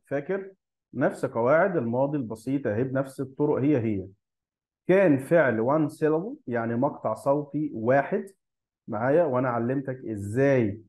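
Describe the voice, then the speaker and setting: Egyptian man teaching grammar, lo-fi sound. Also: mid-range voice. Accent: Egyptian Arabic. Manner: explains step by step, slows to spell out example words. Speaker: English teacher. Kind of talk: grammar lesson.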